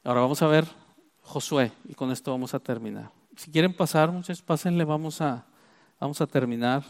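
A man preaches a sermon in a voice pitched a little high for a man. He explains scripture emphatically, repeating himself and stretching out the words he wants to stress. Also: creaky. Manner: emphatic, stresses key phrases with slow drawn-out words; repeats and restarts while explaining.

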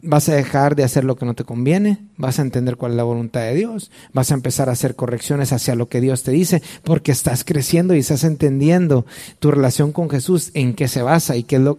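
Man, Mexican accent, forties, pastor giving a relaxed sermon, warm dark tone. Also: fairly high pitch. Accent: Mexican Spanish. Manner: conversational, addresses listener directly.

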